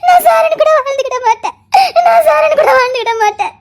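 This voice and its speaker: A guilt-torn young bride-to-be in an audio love story. Her voice is very high and thin, and her words come out choked and sobbing. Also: moderate pace, darkish tone. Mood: tearful. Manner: sobbing, choked, laughing through tears.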